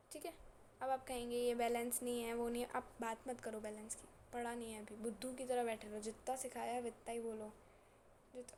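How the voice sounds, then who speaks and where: A woman's voice: on the high side, mellow, slight background noise. A woman science teacher lecturing in a casual, teasing and scolding way, repeating her points and mixing in terms. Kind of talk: classroom lecture.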